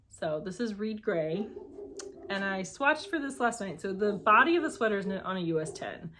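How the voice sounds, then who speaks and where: A woman's voice: mid-range voice, a bit bright. A woman hosting her knitting podcast at home, chatting casually and rambling with lots of fillers and asides. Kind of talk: casual chat.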